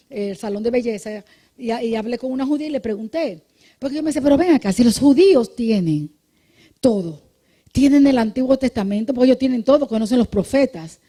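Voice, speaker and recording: This is a woman pastor giving a midday sermon in church, explaining doctrine in a chatty, teacherly way. Her voice sits a little high yet sounds mellow and soft-edged. She keeps checking in with the congregation and punctuates points with amen, sometimes restarting a word. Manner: conversational teaching, checks listeners with "¿ok?" and "amén"; repeats and restarts words when thinking. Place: church service.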